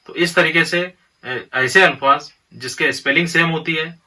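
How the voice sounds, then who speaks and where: Bright-voiced man teaching English grammar. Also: a little high, recorded from a distance, rough recording. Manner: slow, spells words out letter by letter. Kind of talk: grammar lesson in Hindi-Urdu.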